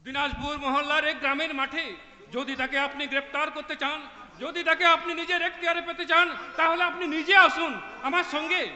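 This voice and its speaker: A very high-voiced, scheming courtier. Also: male voice, little pitch movement, fairly quick, sharp tone, full character voice. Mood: urgent. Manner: theatrical, repeats phrases for effect. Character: insinuating courtier luring his ruler into a secret venture. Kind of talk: Bengali jatra historical stage acting. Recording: echoey hall, music clearly behind.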